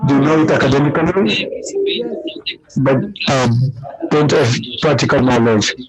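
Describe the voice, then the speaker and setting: A man interpreting speeches live at a meeting, delivering them in halting chunks, phrase by phrase. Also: mid-range voice, over music, poor audio. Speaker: conference interpreter.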